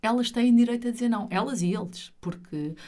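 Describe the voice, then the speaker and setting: A woman's voice: a little high, fairly quick, mellow. A middle-aged woman with a European Portuguese accent, speaking as an interview guest in an earnest, emphatic, explanatory way. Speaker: interview guest, retreat leader.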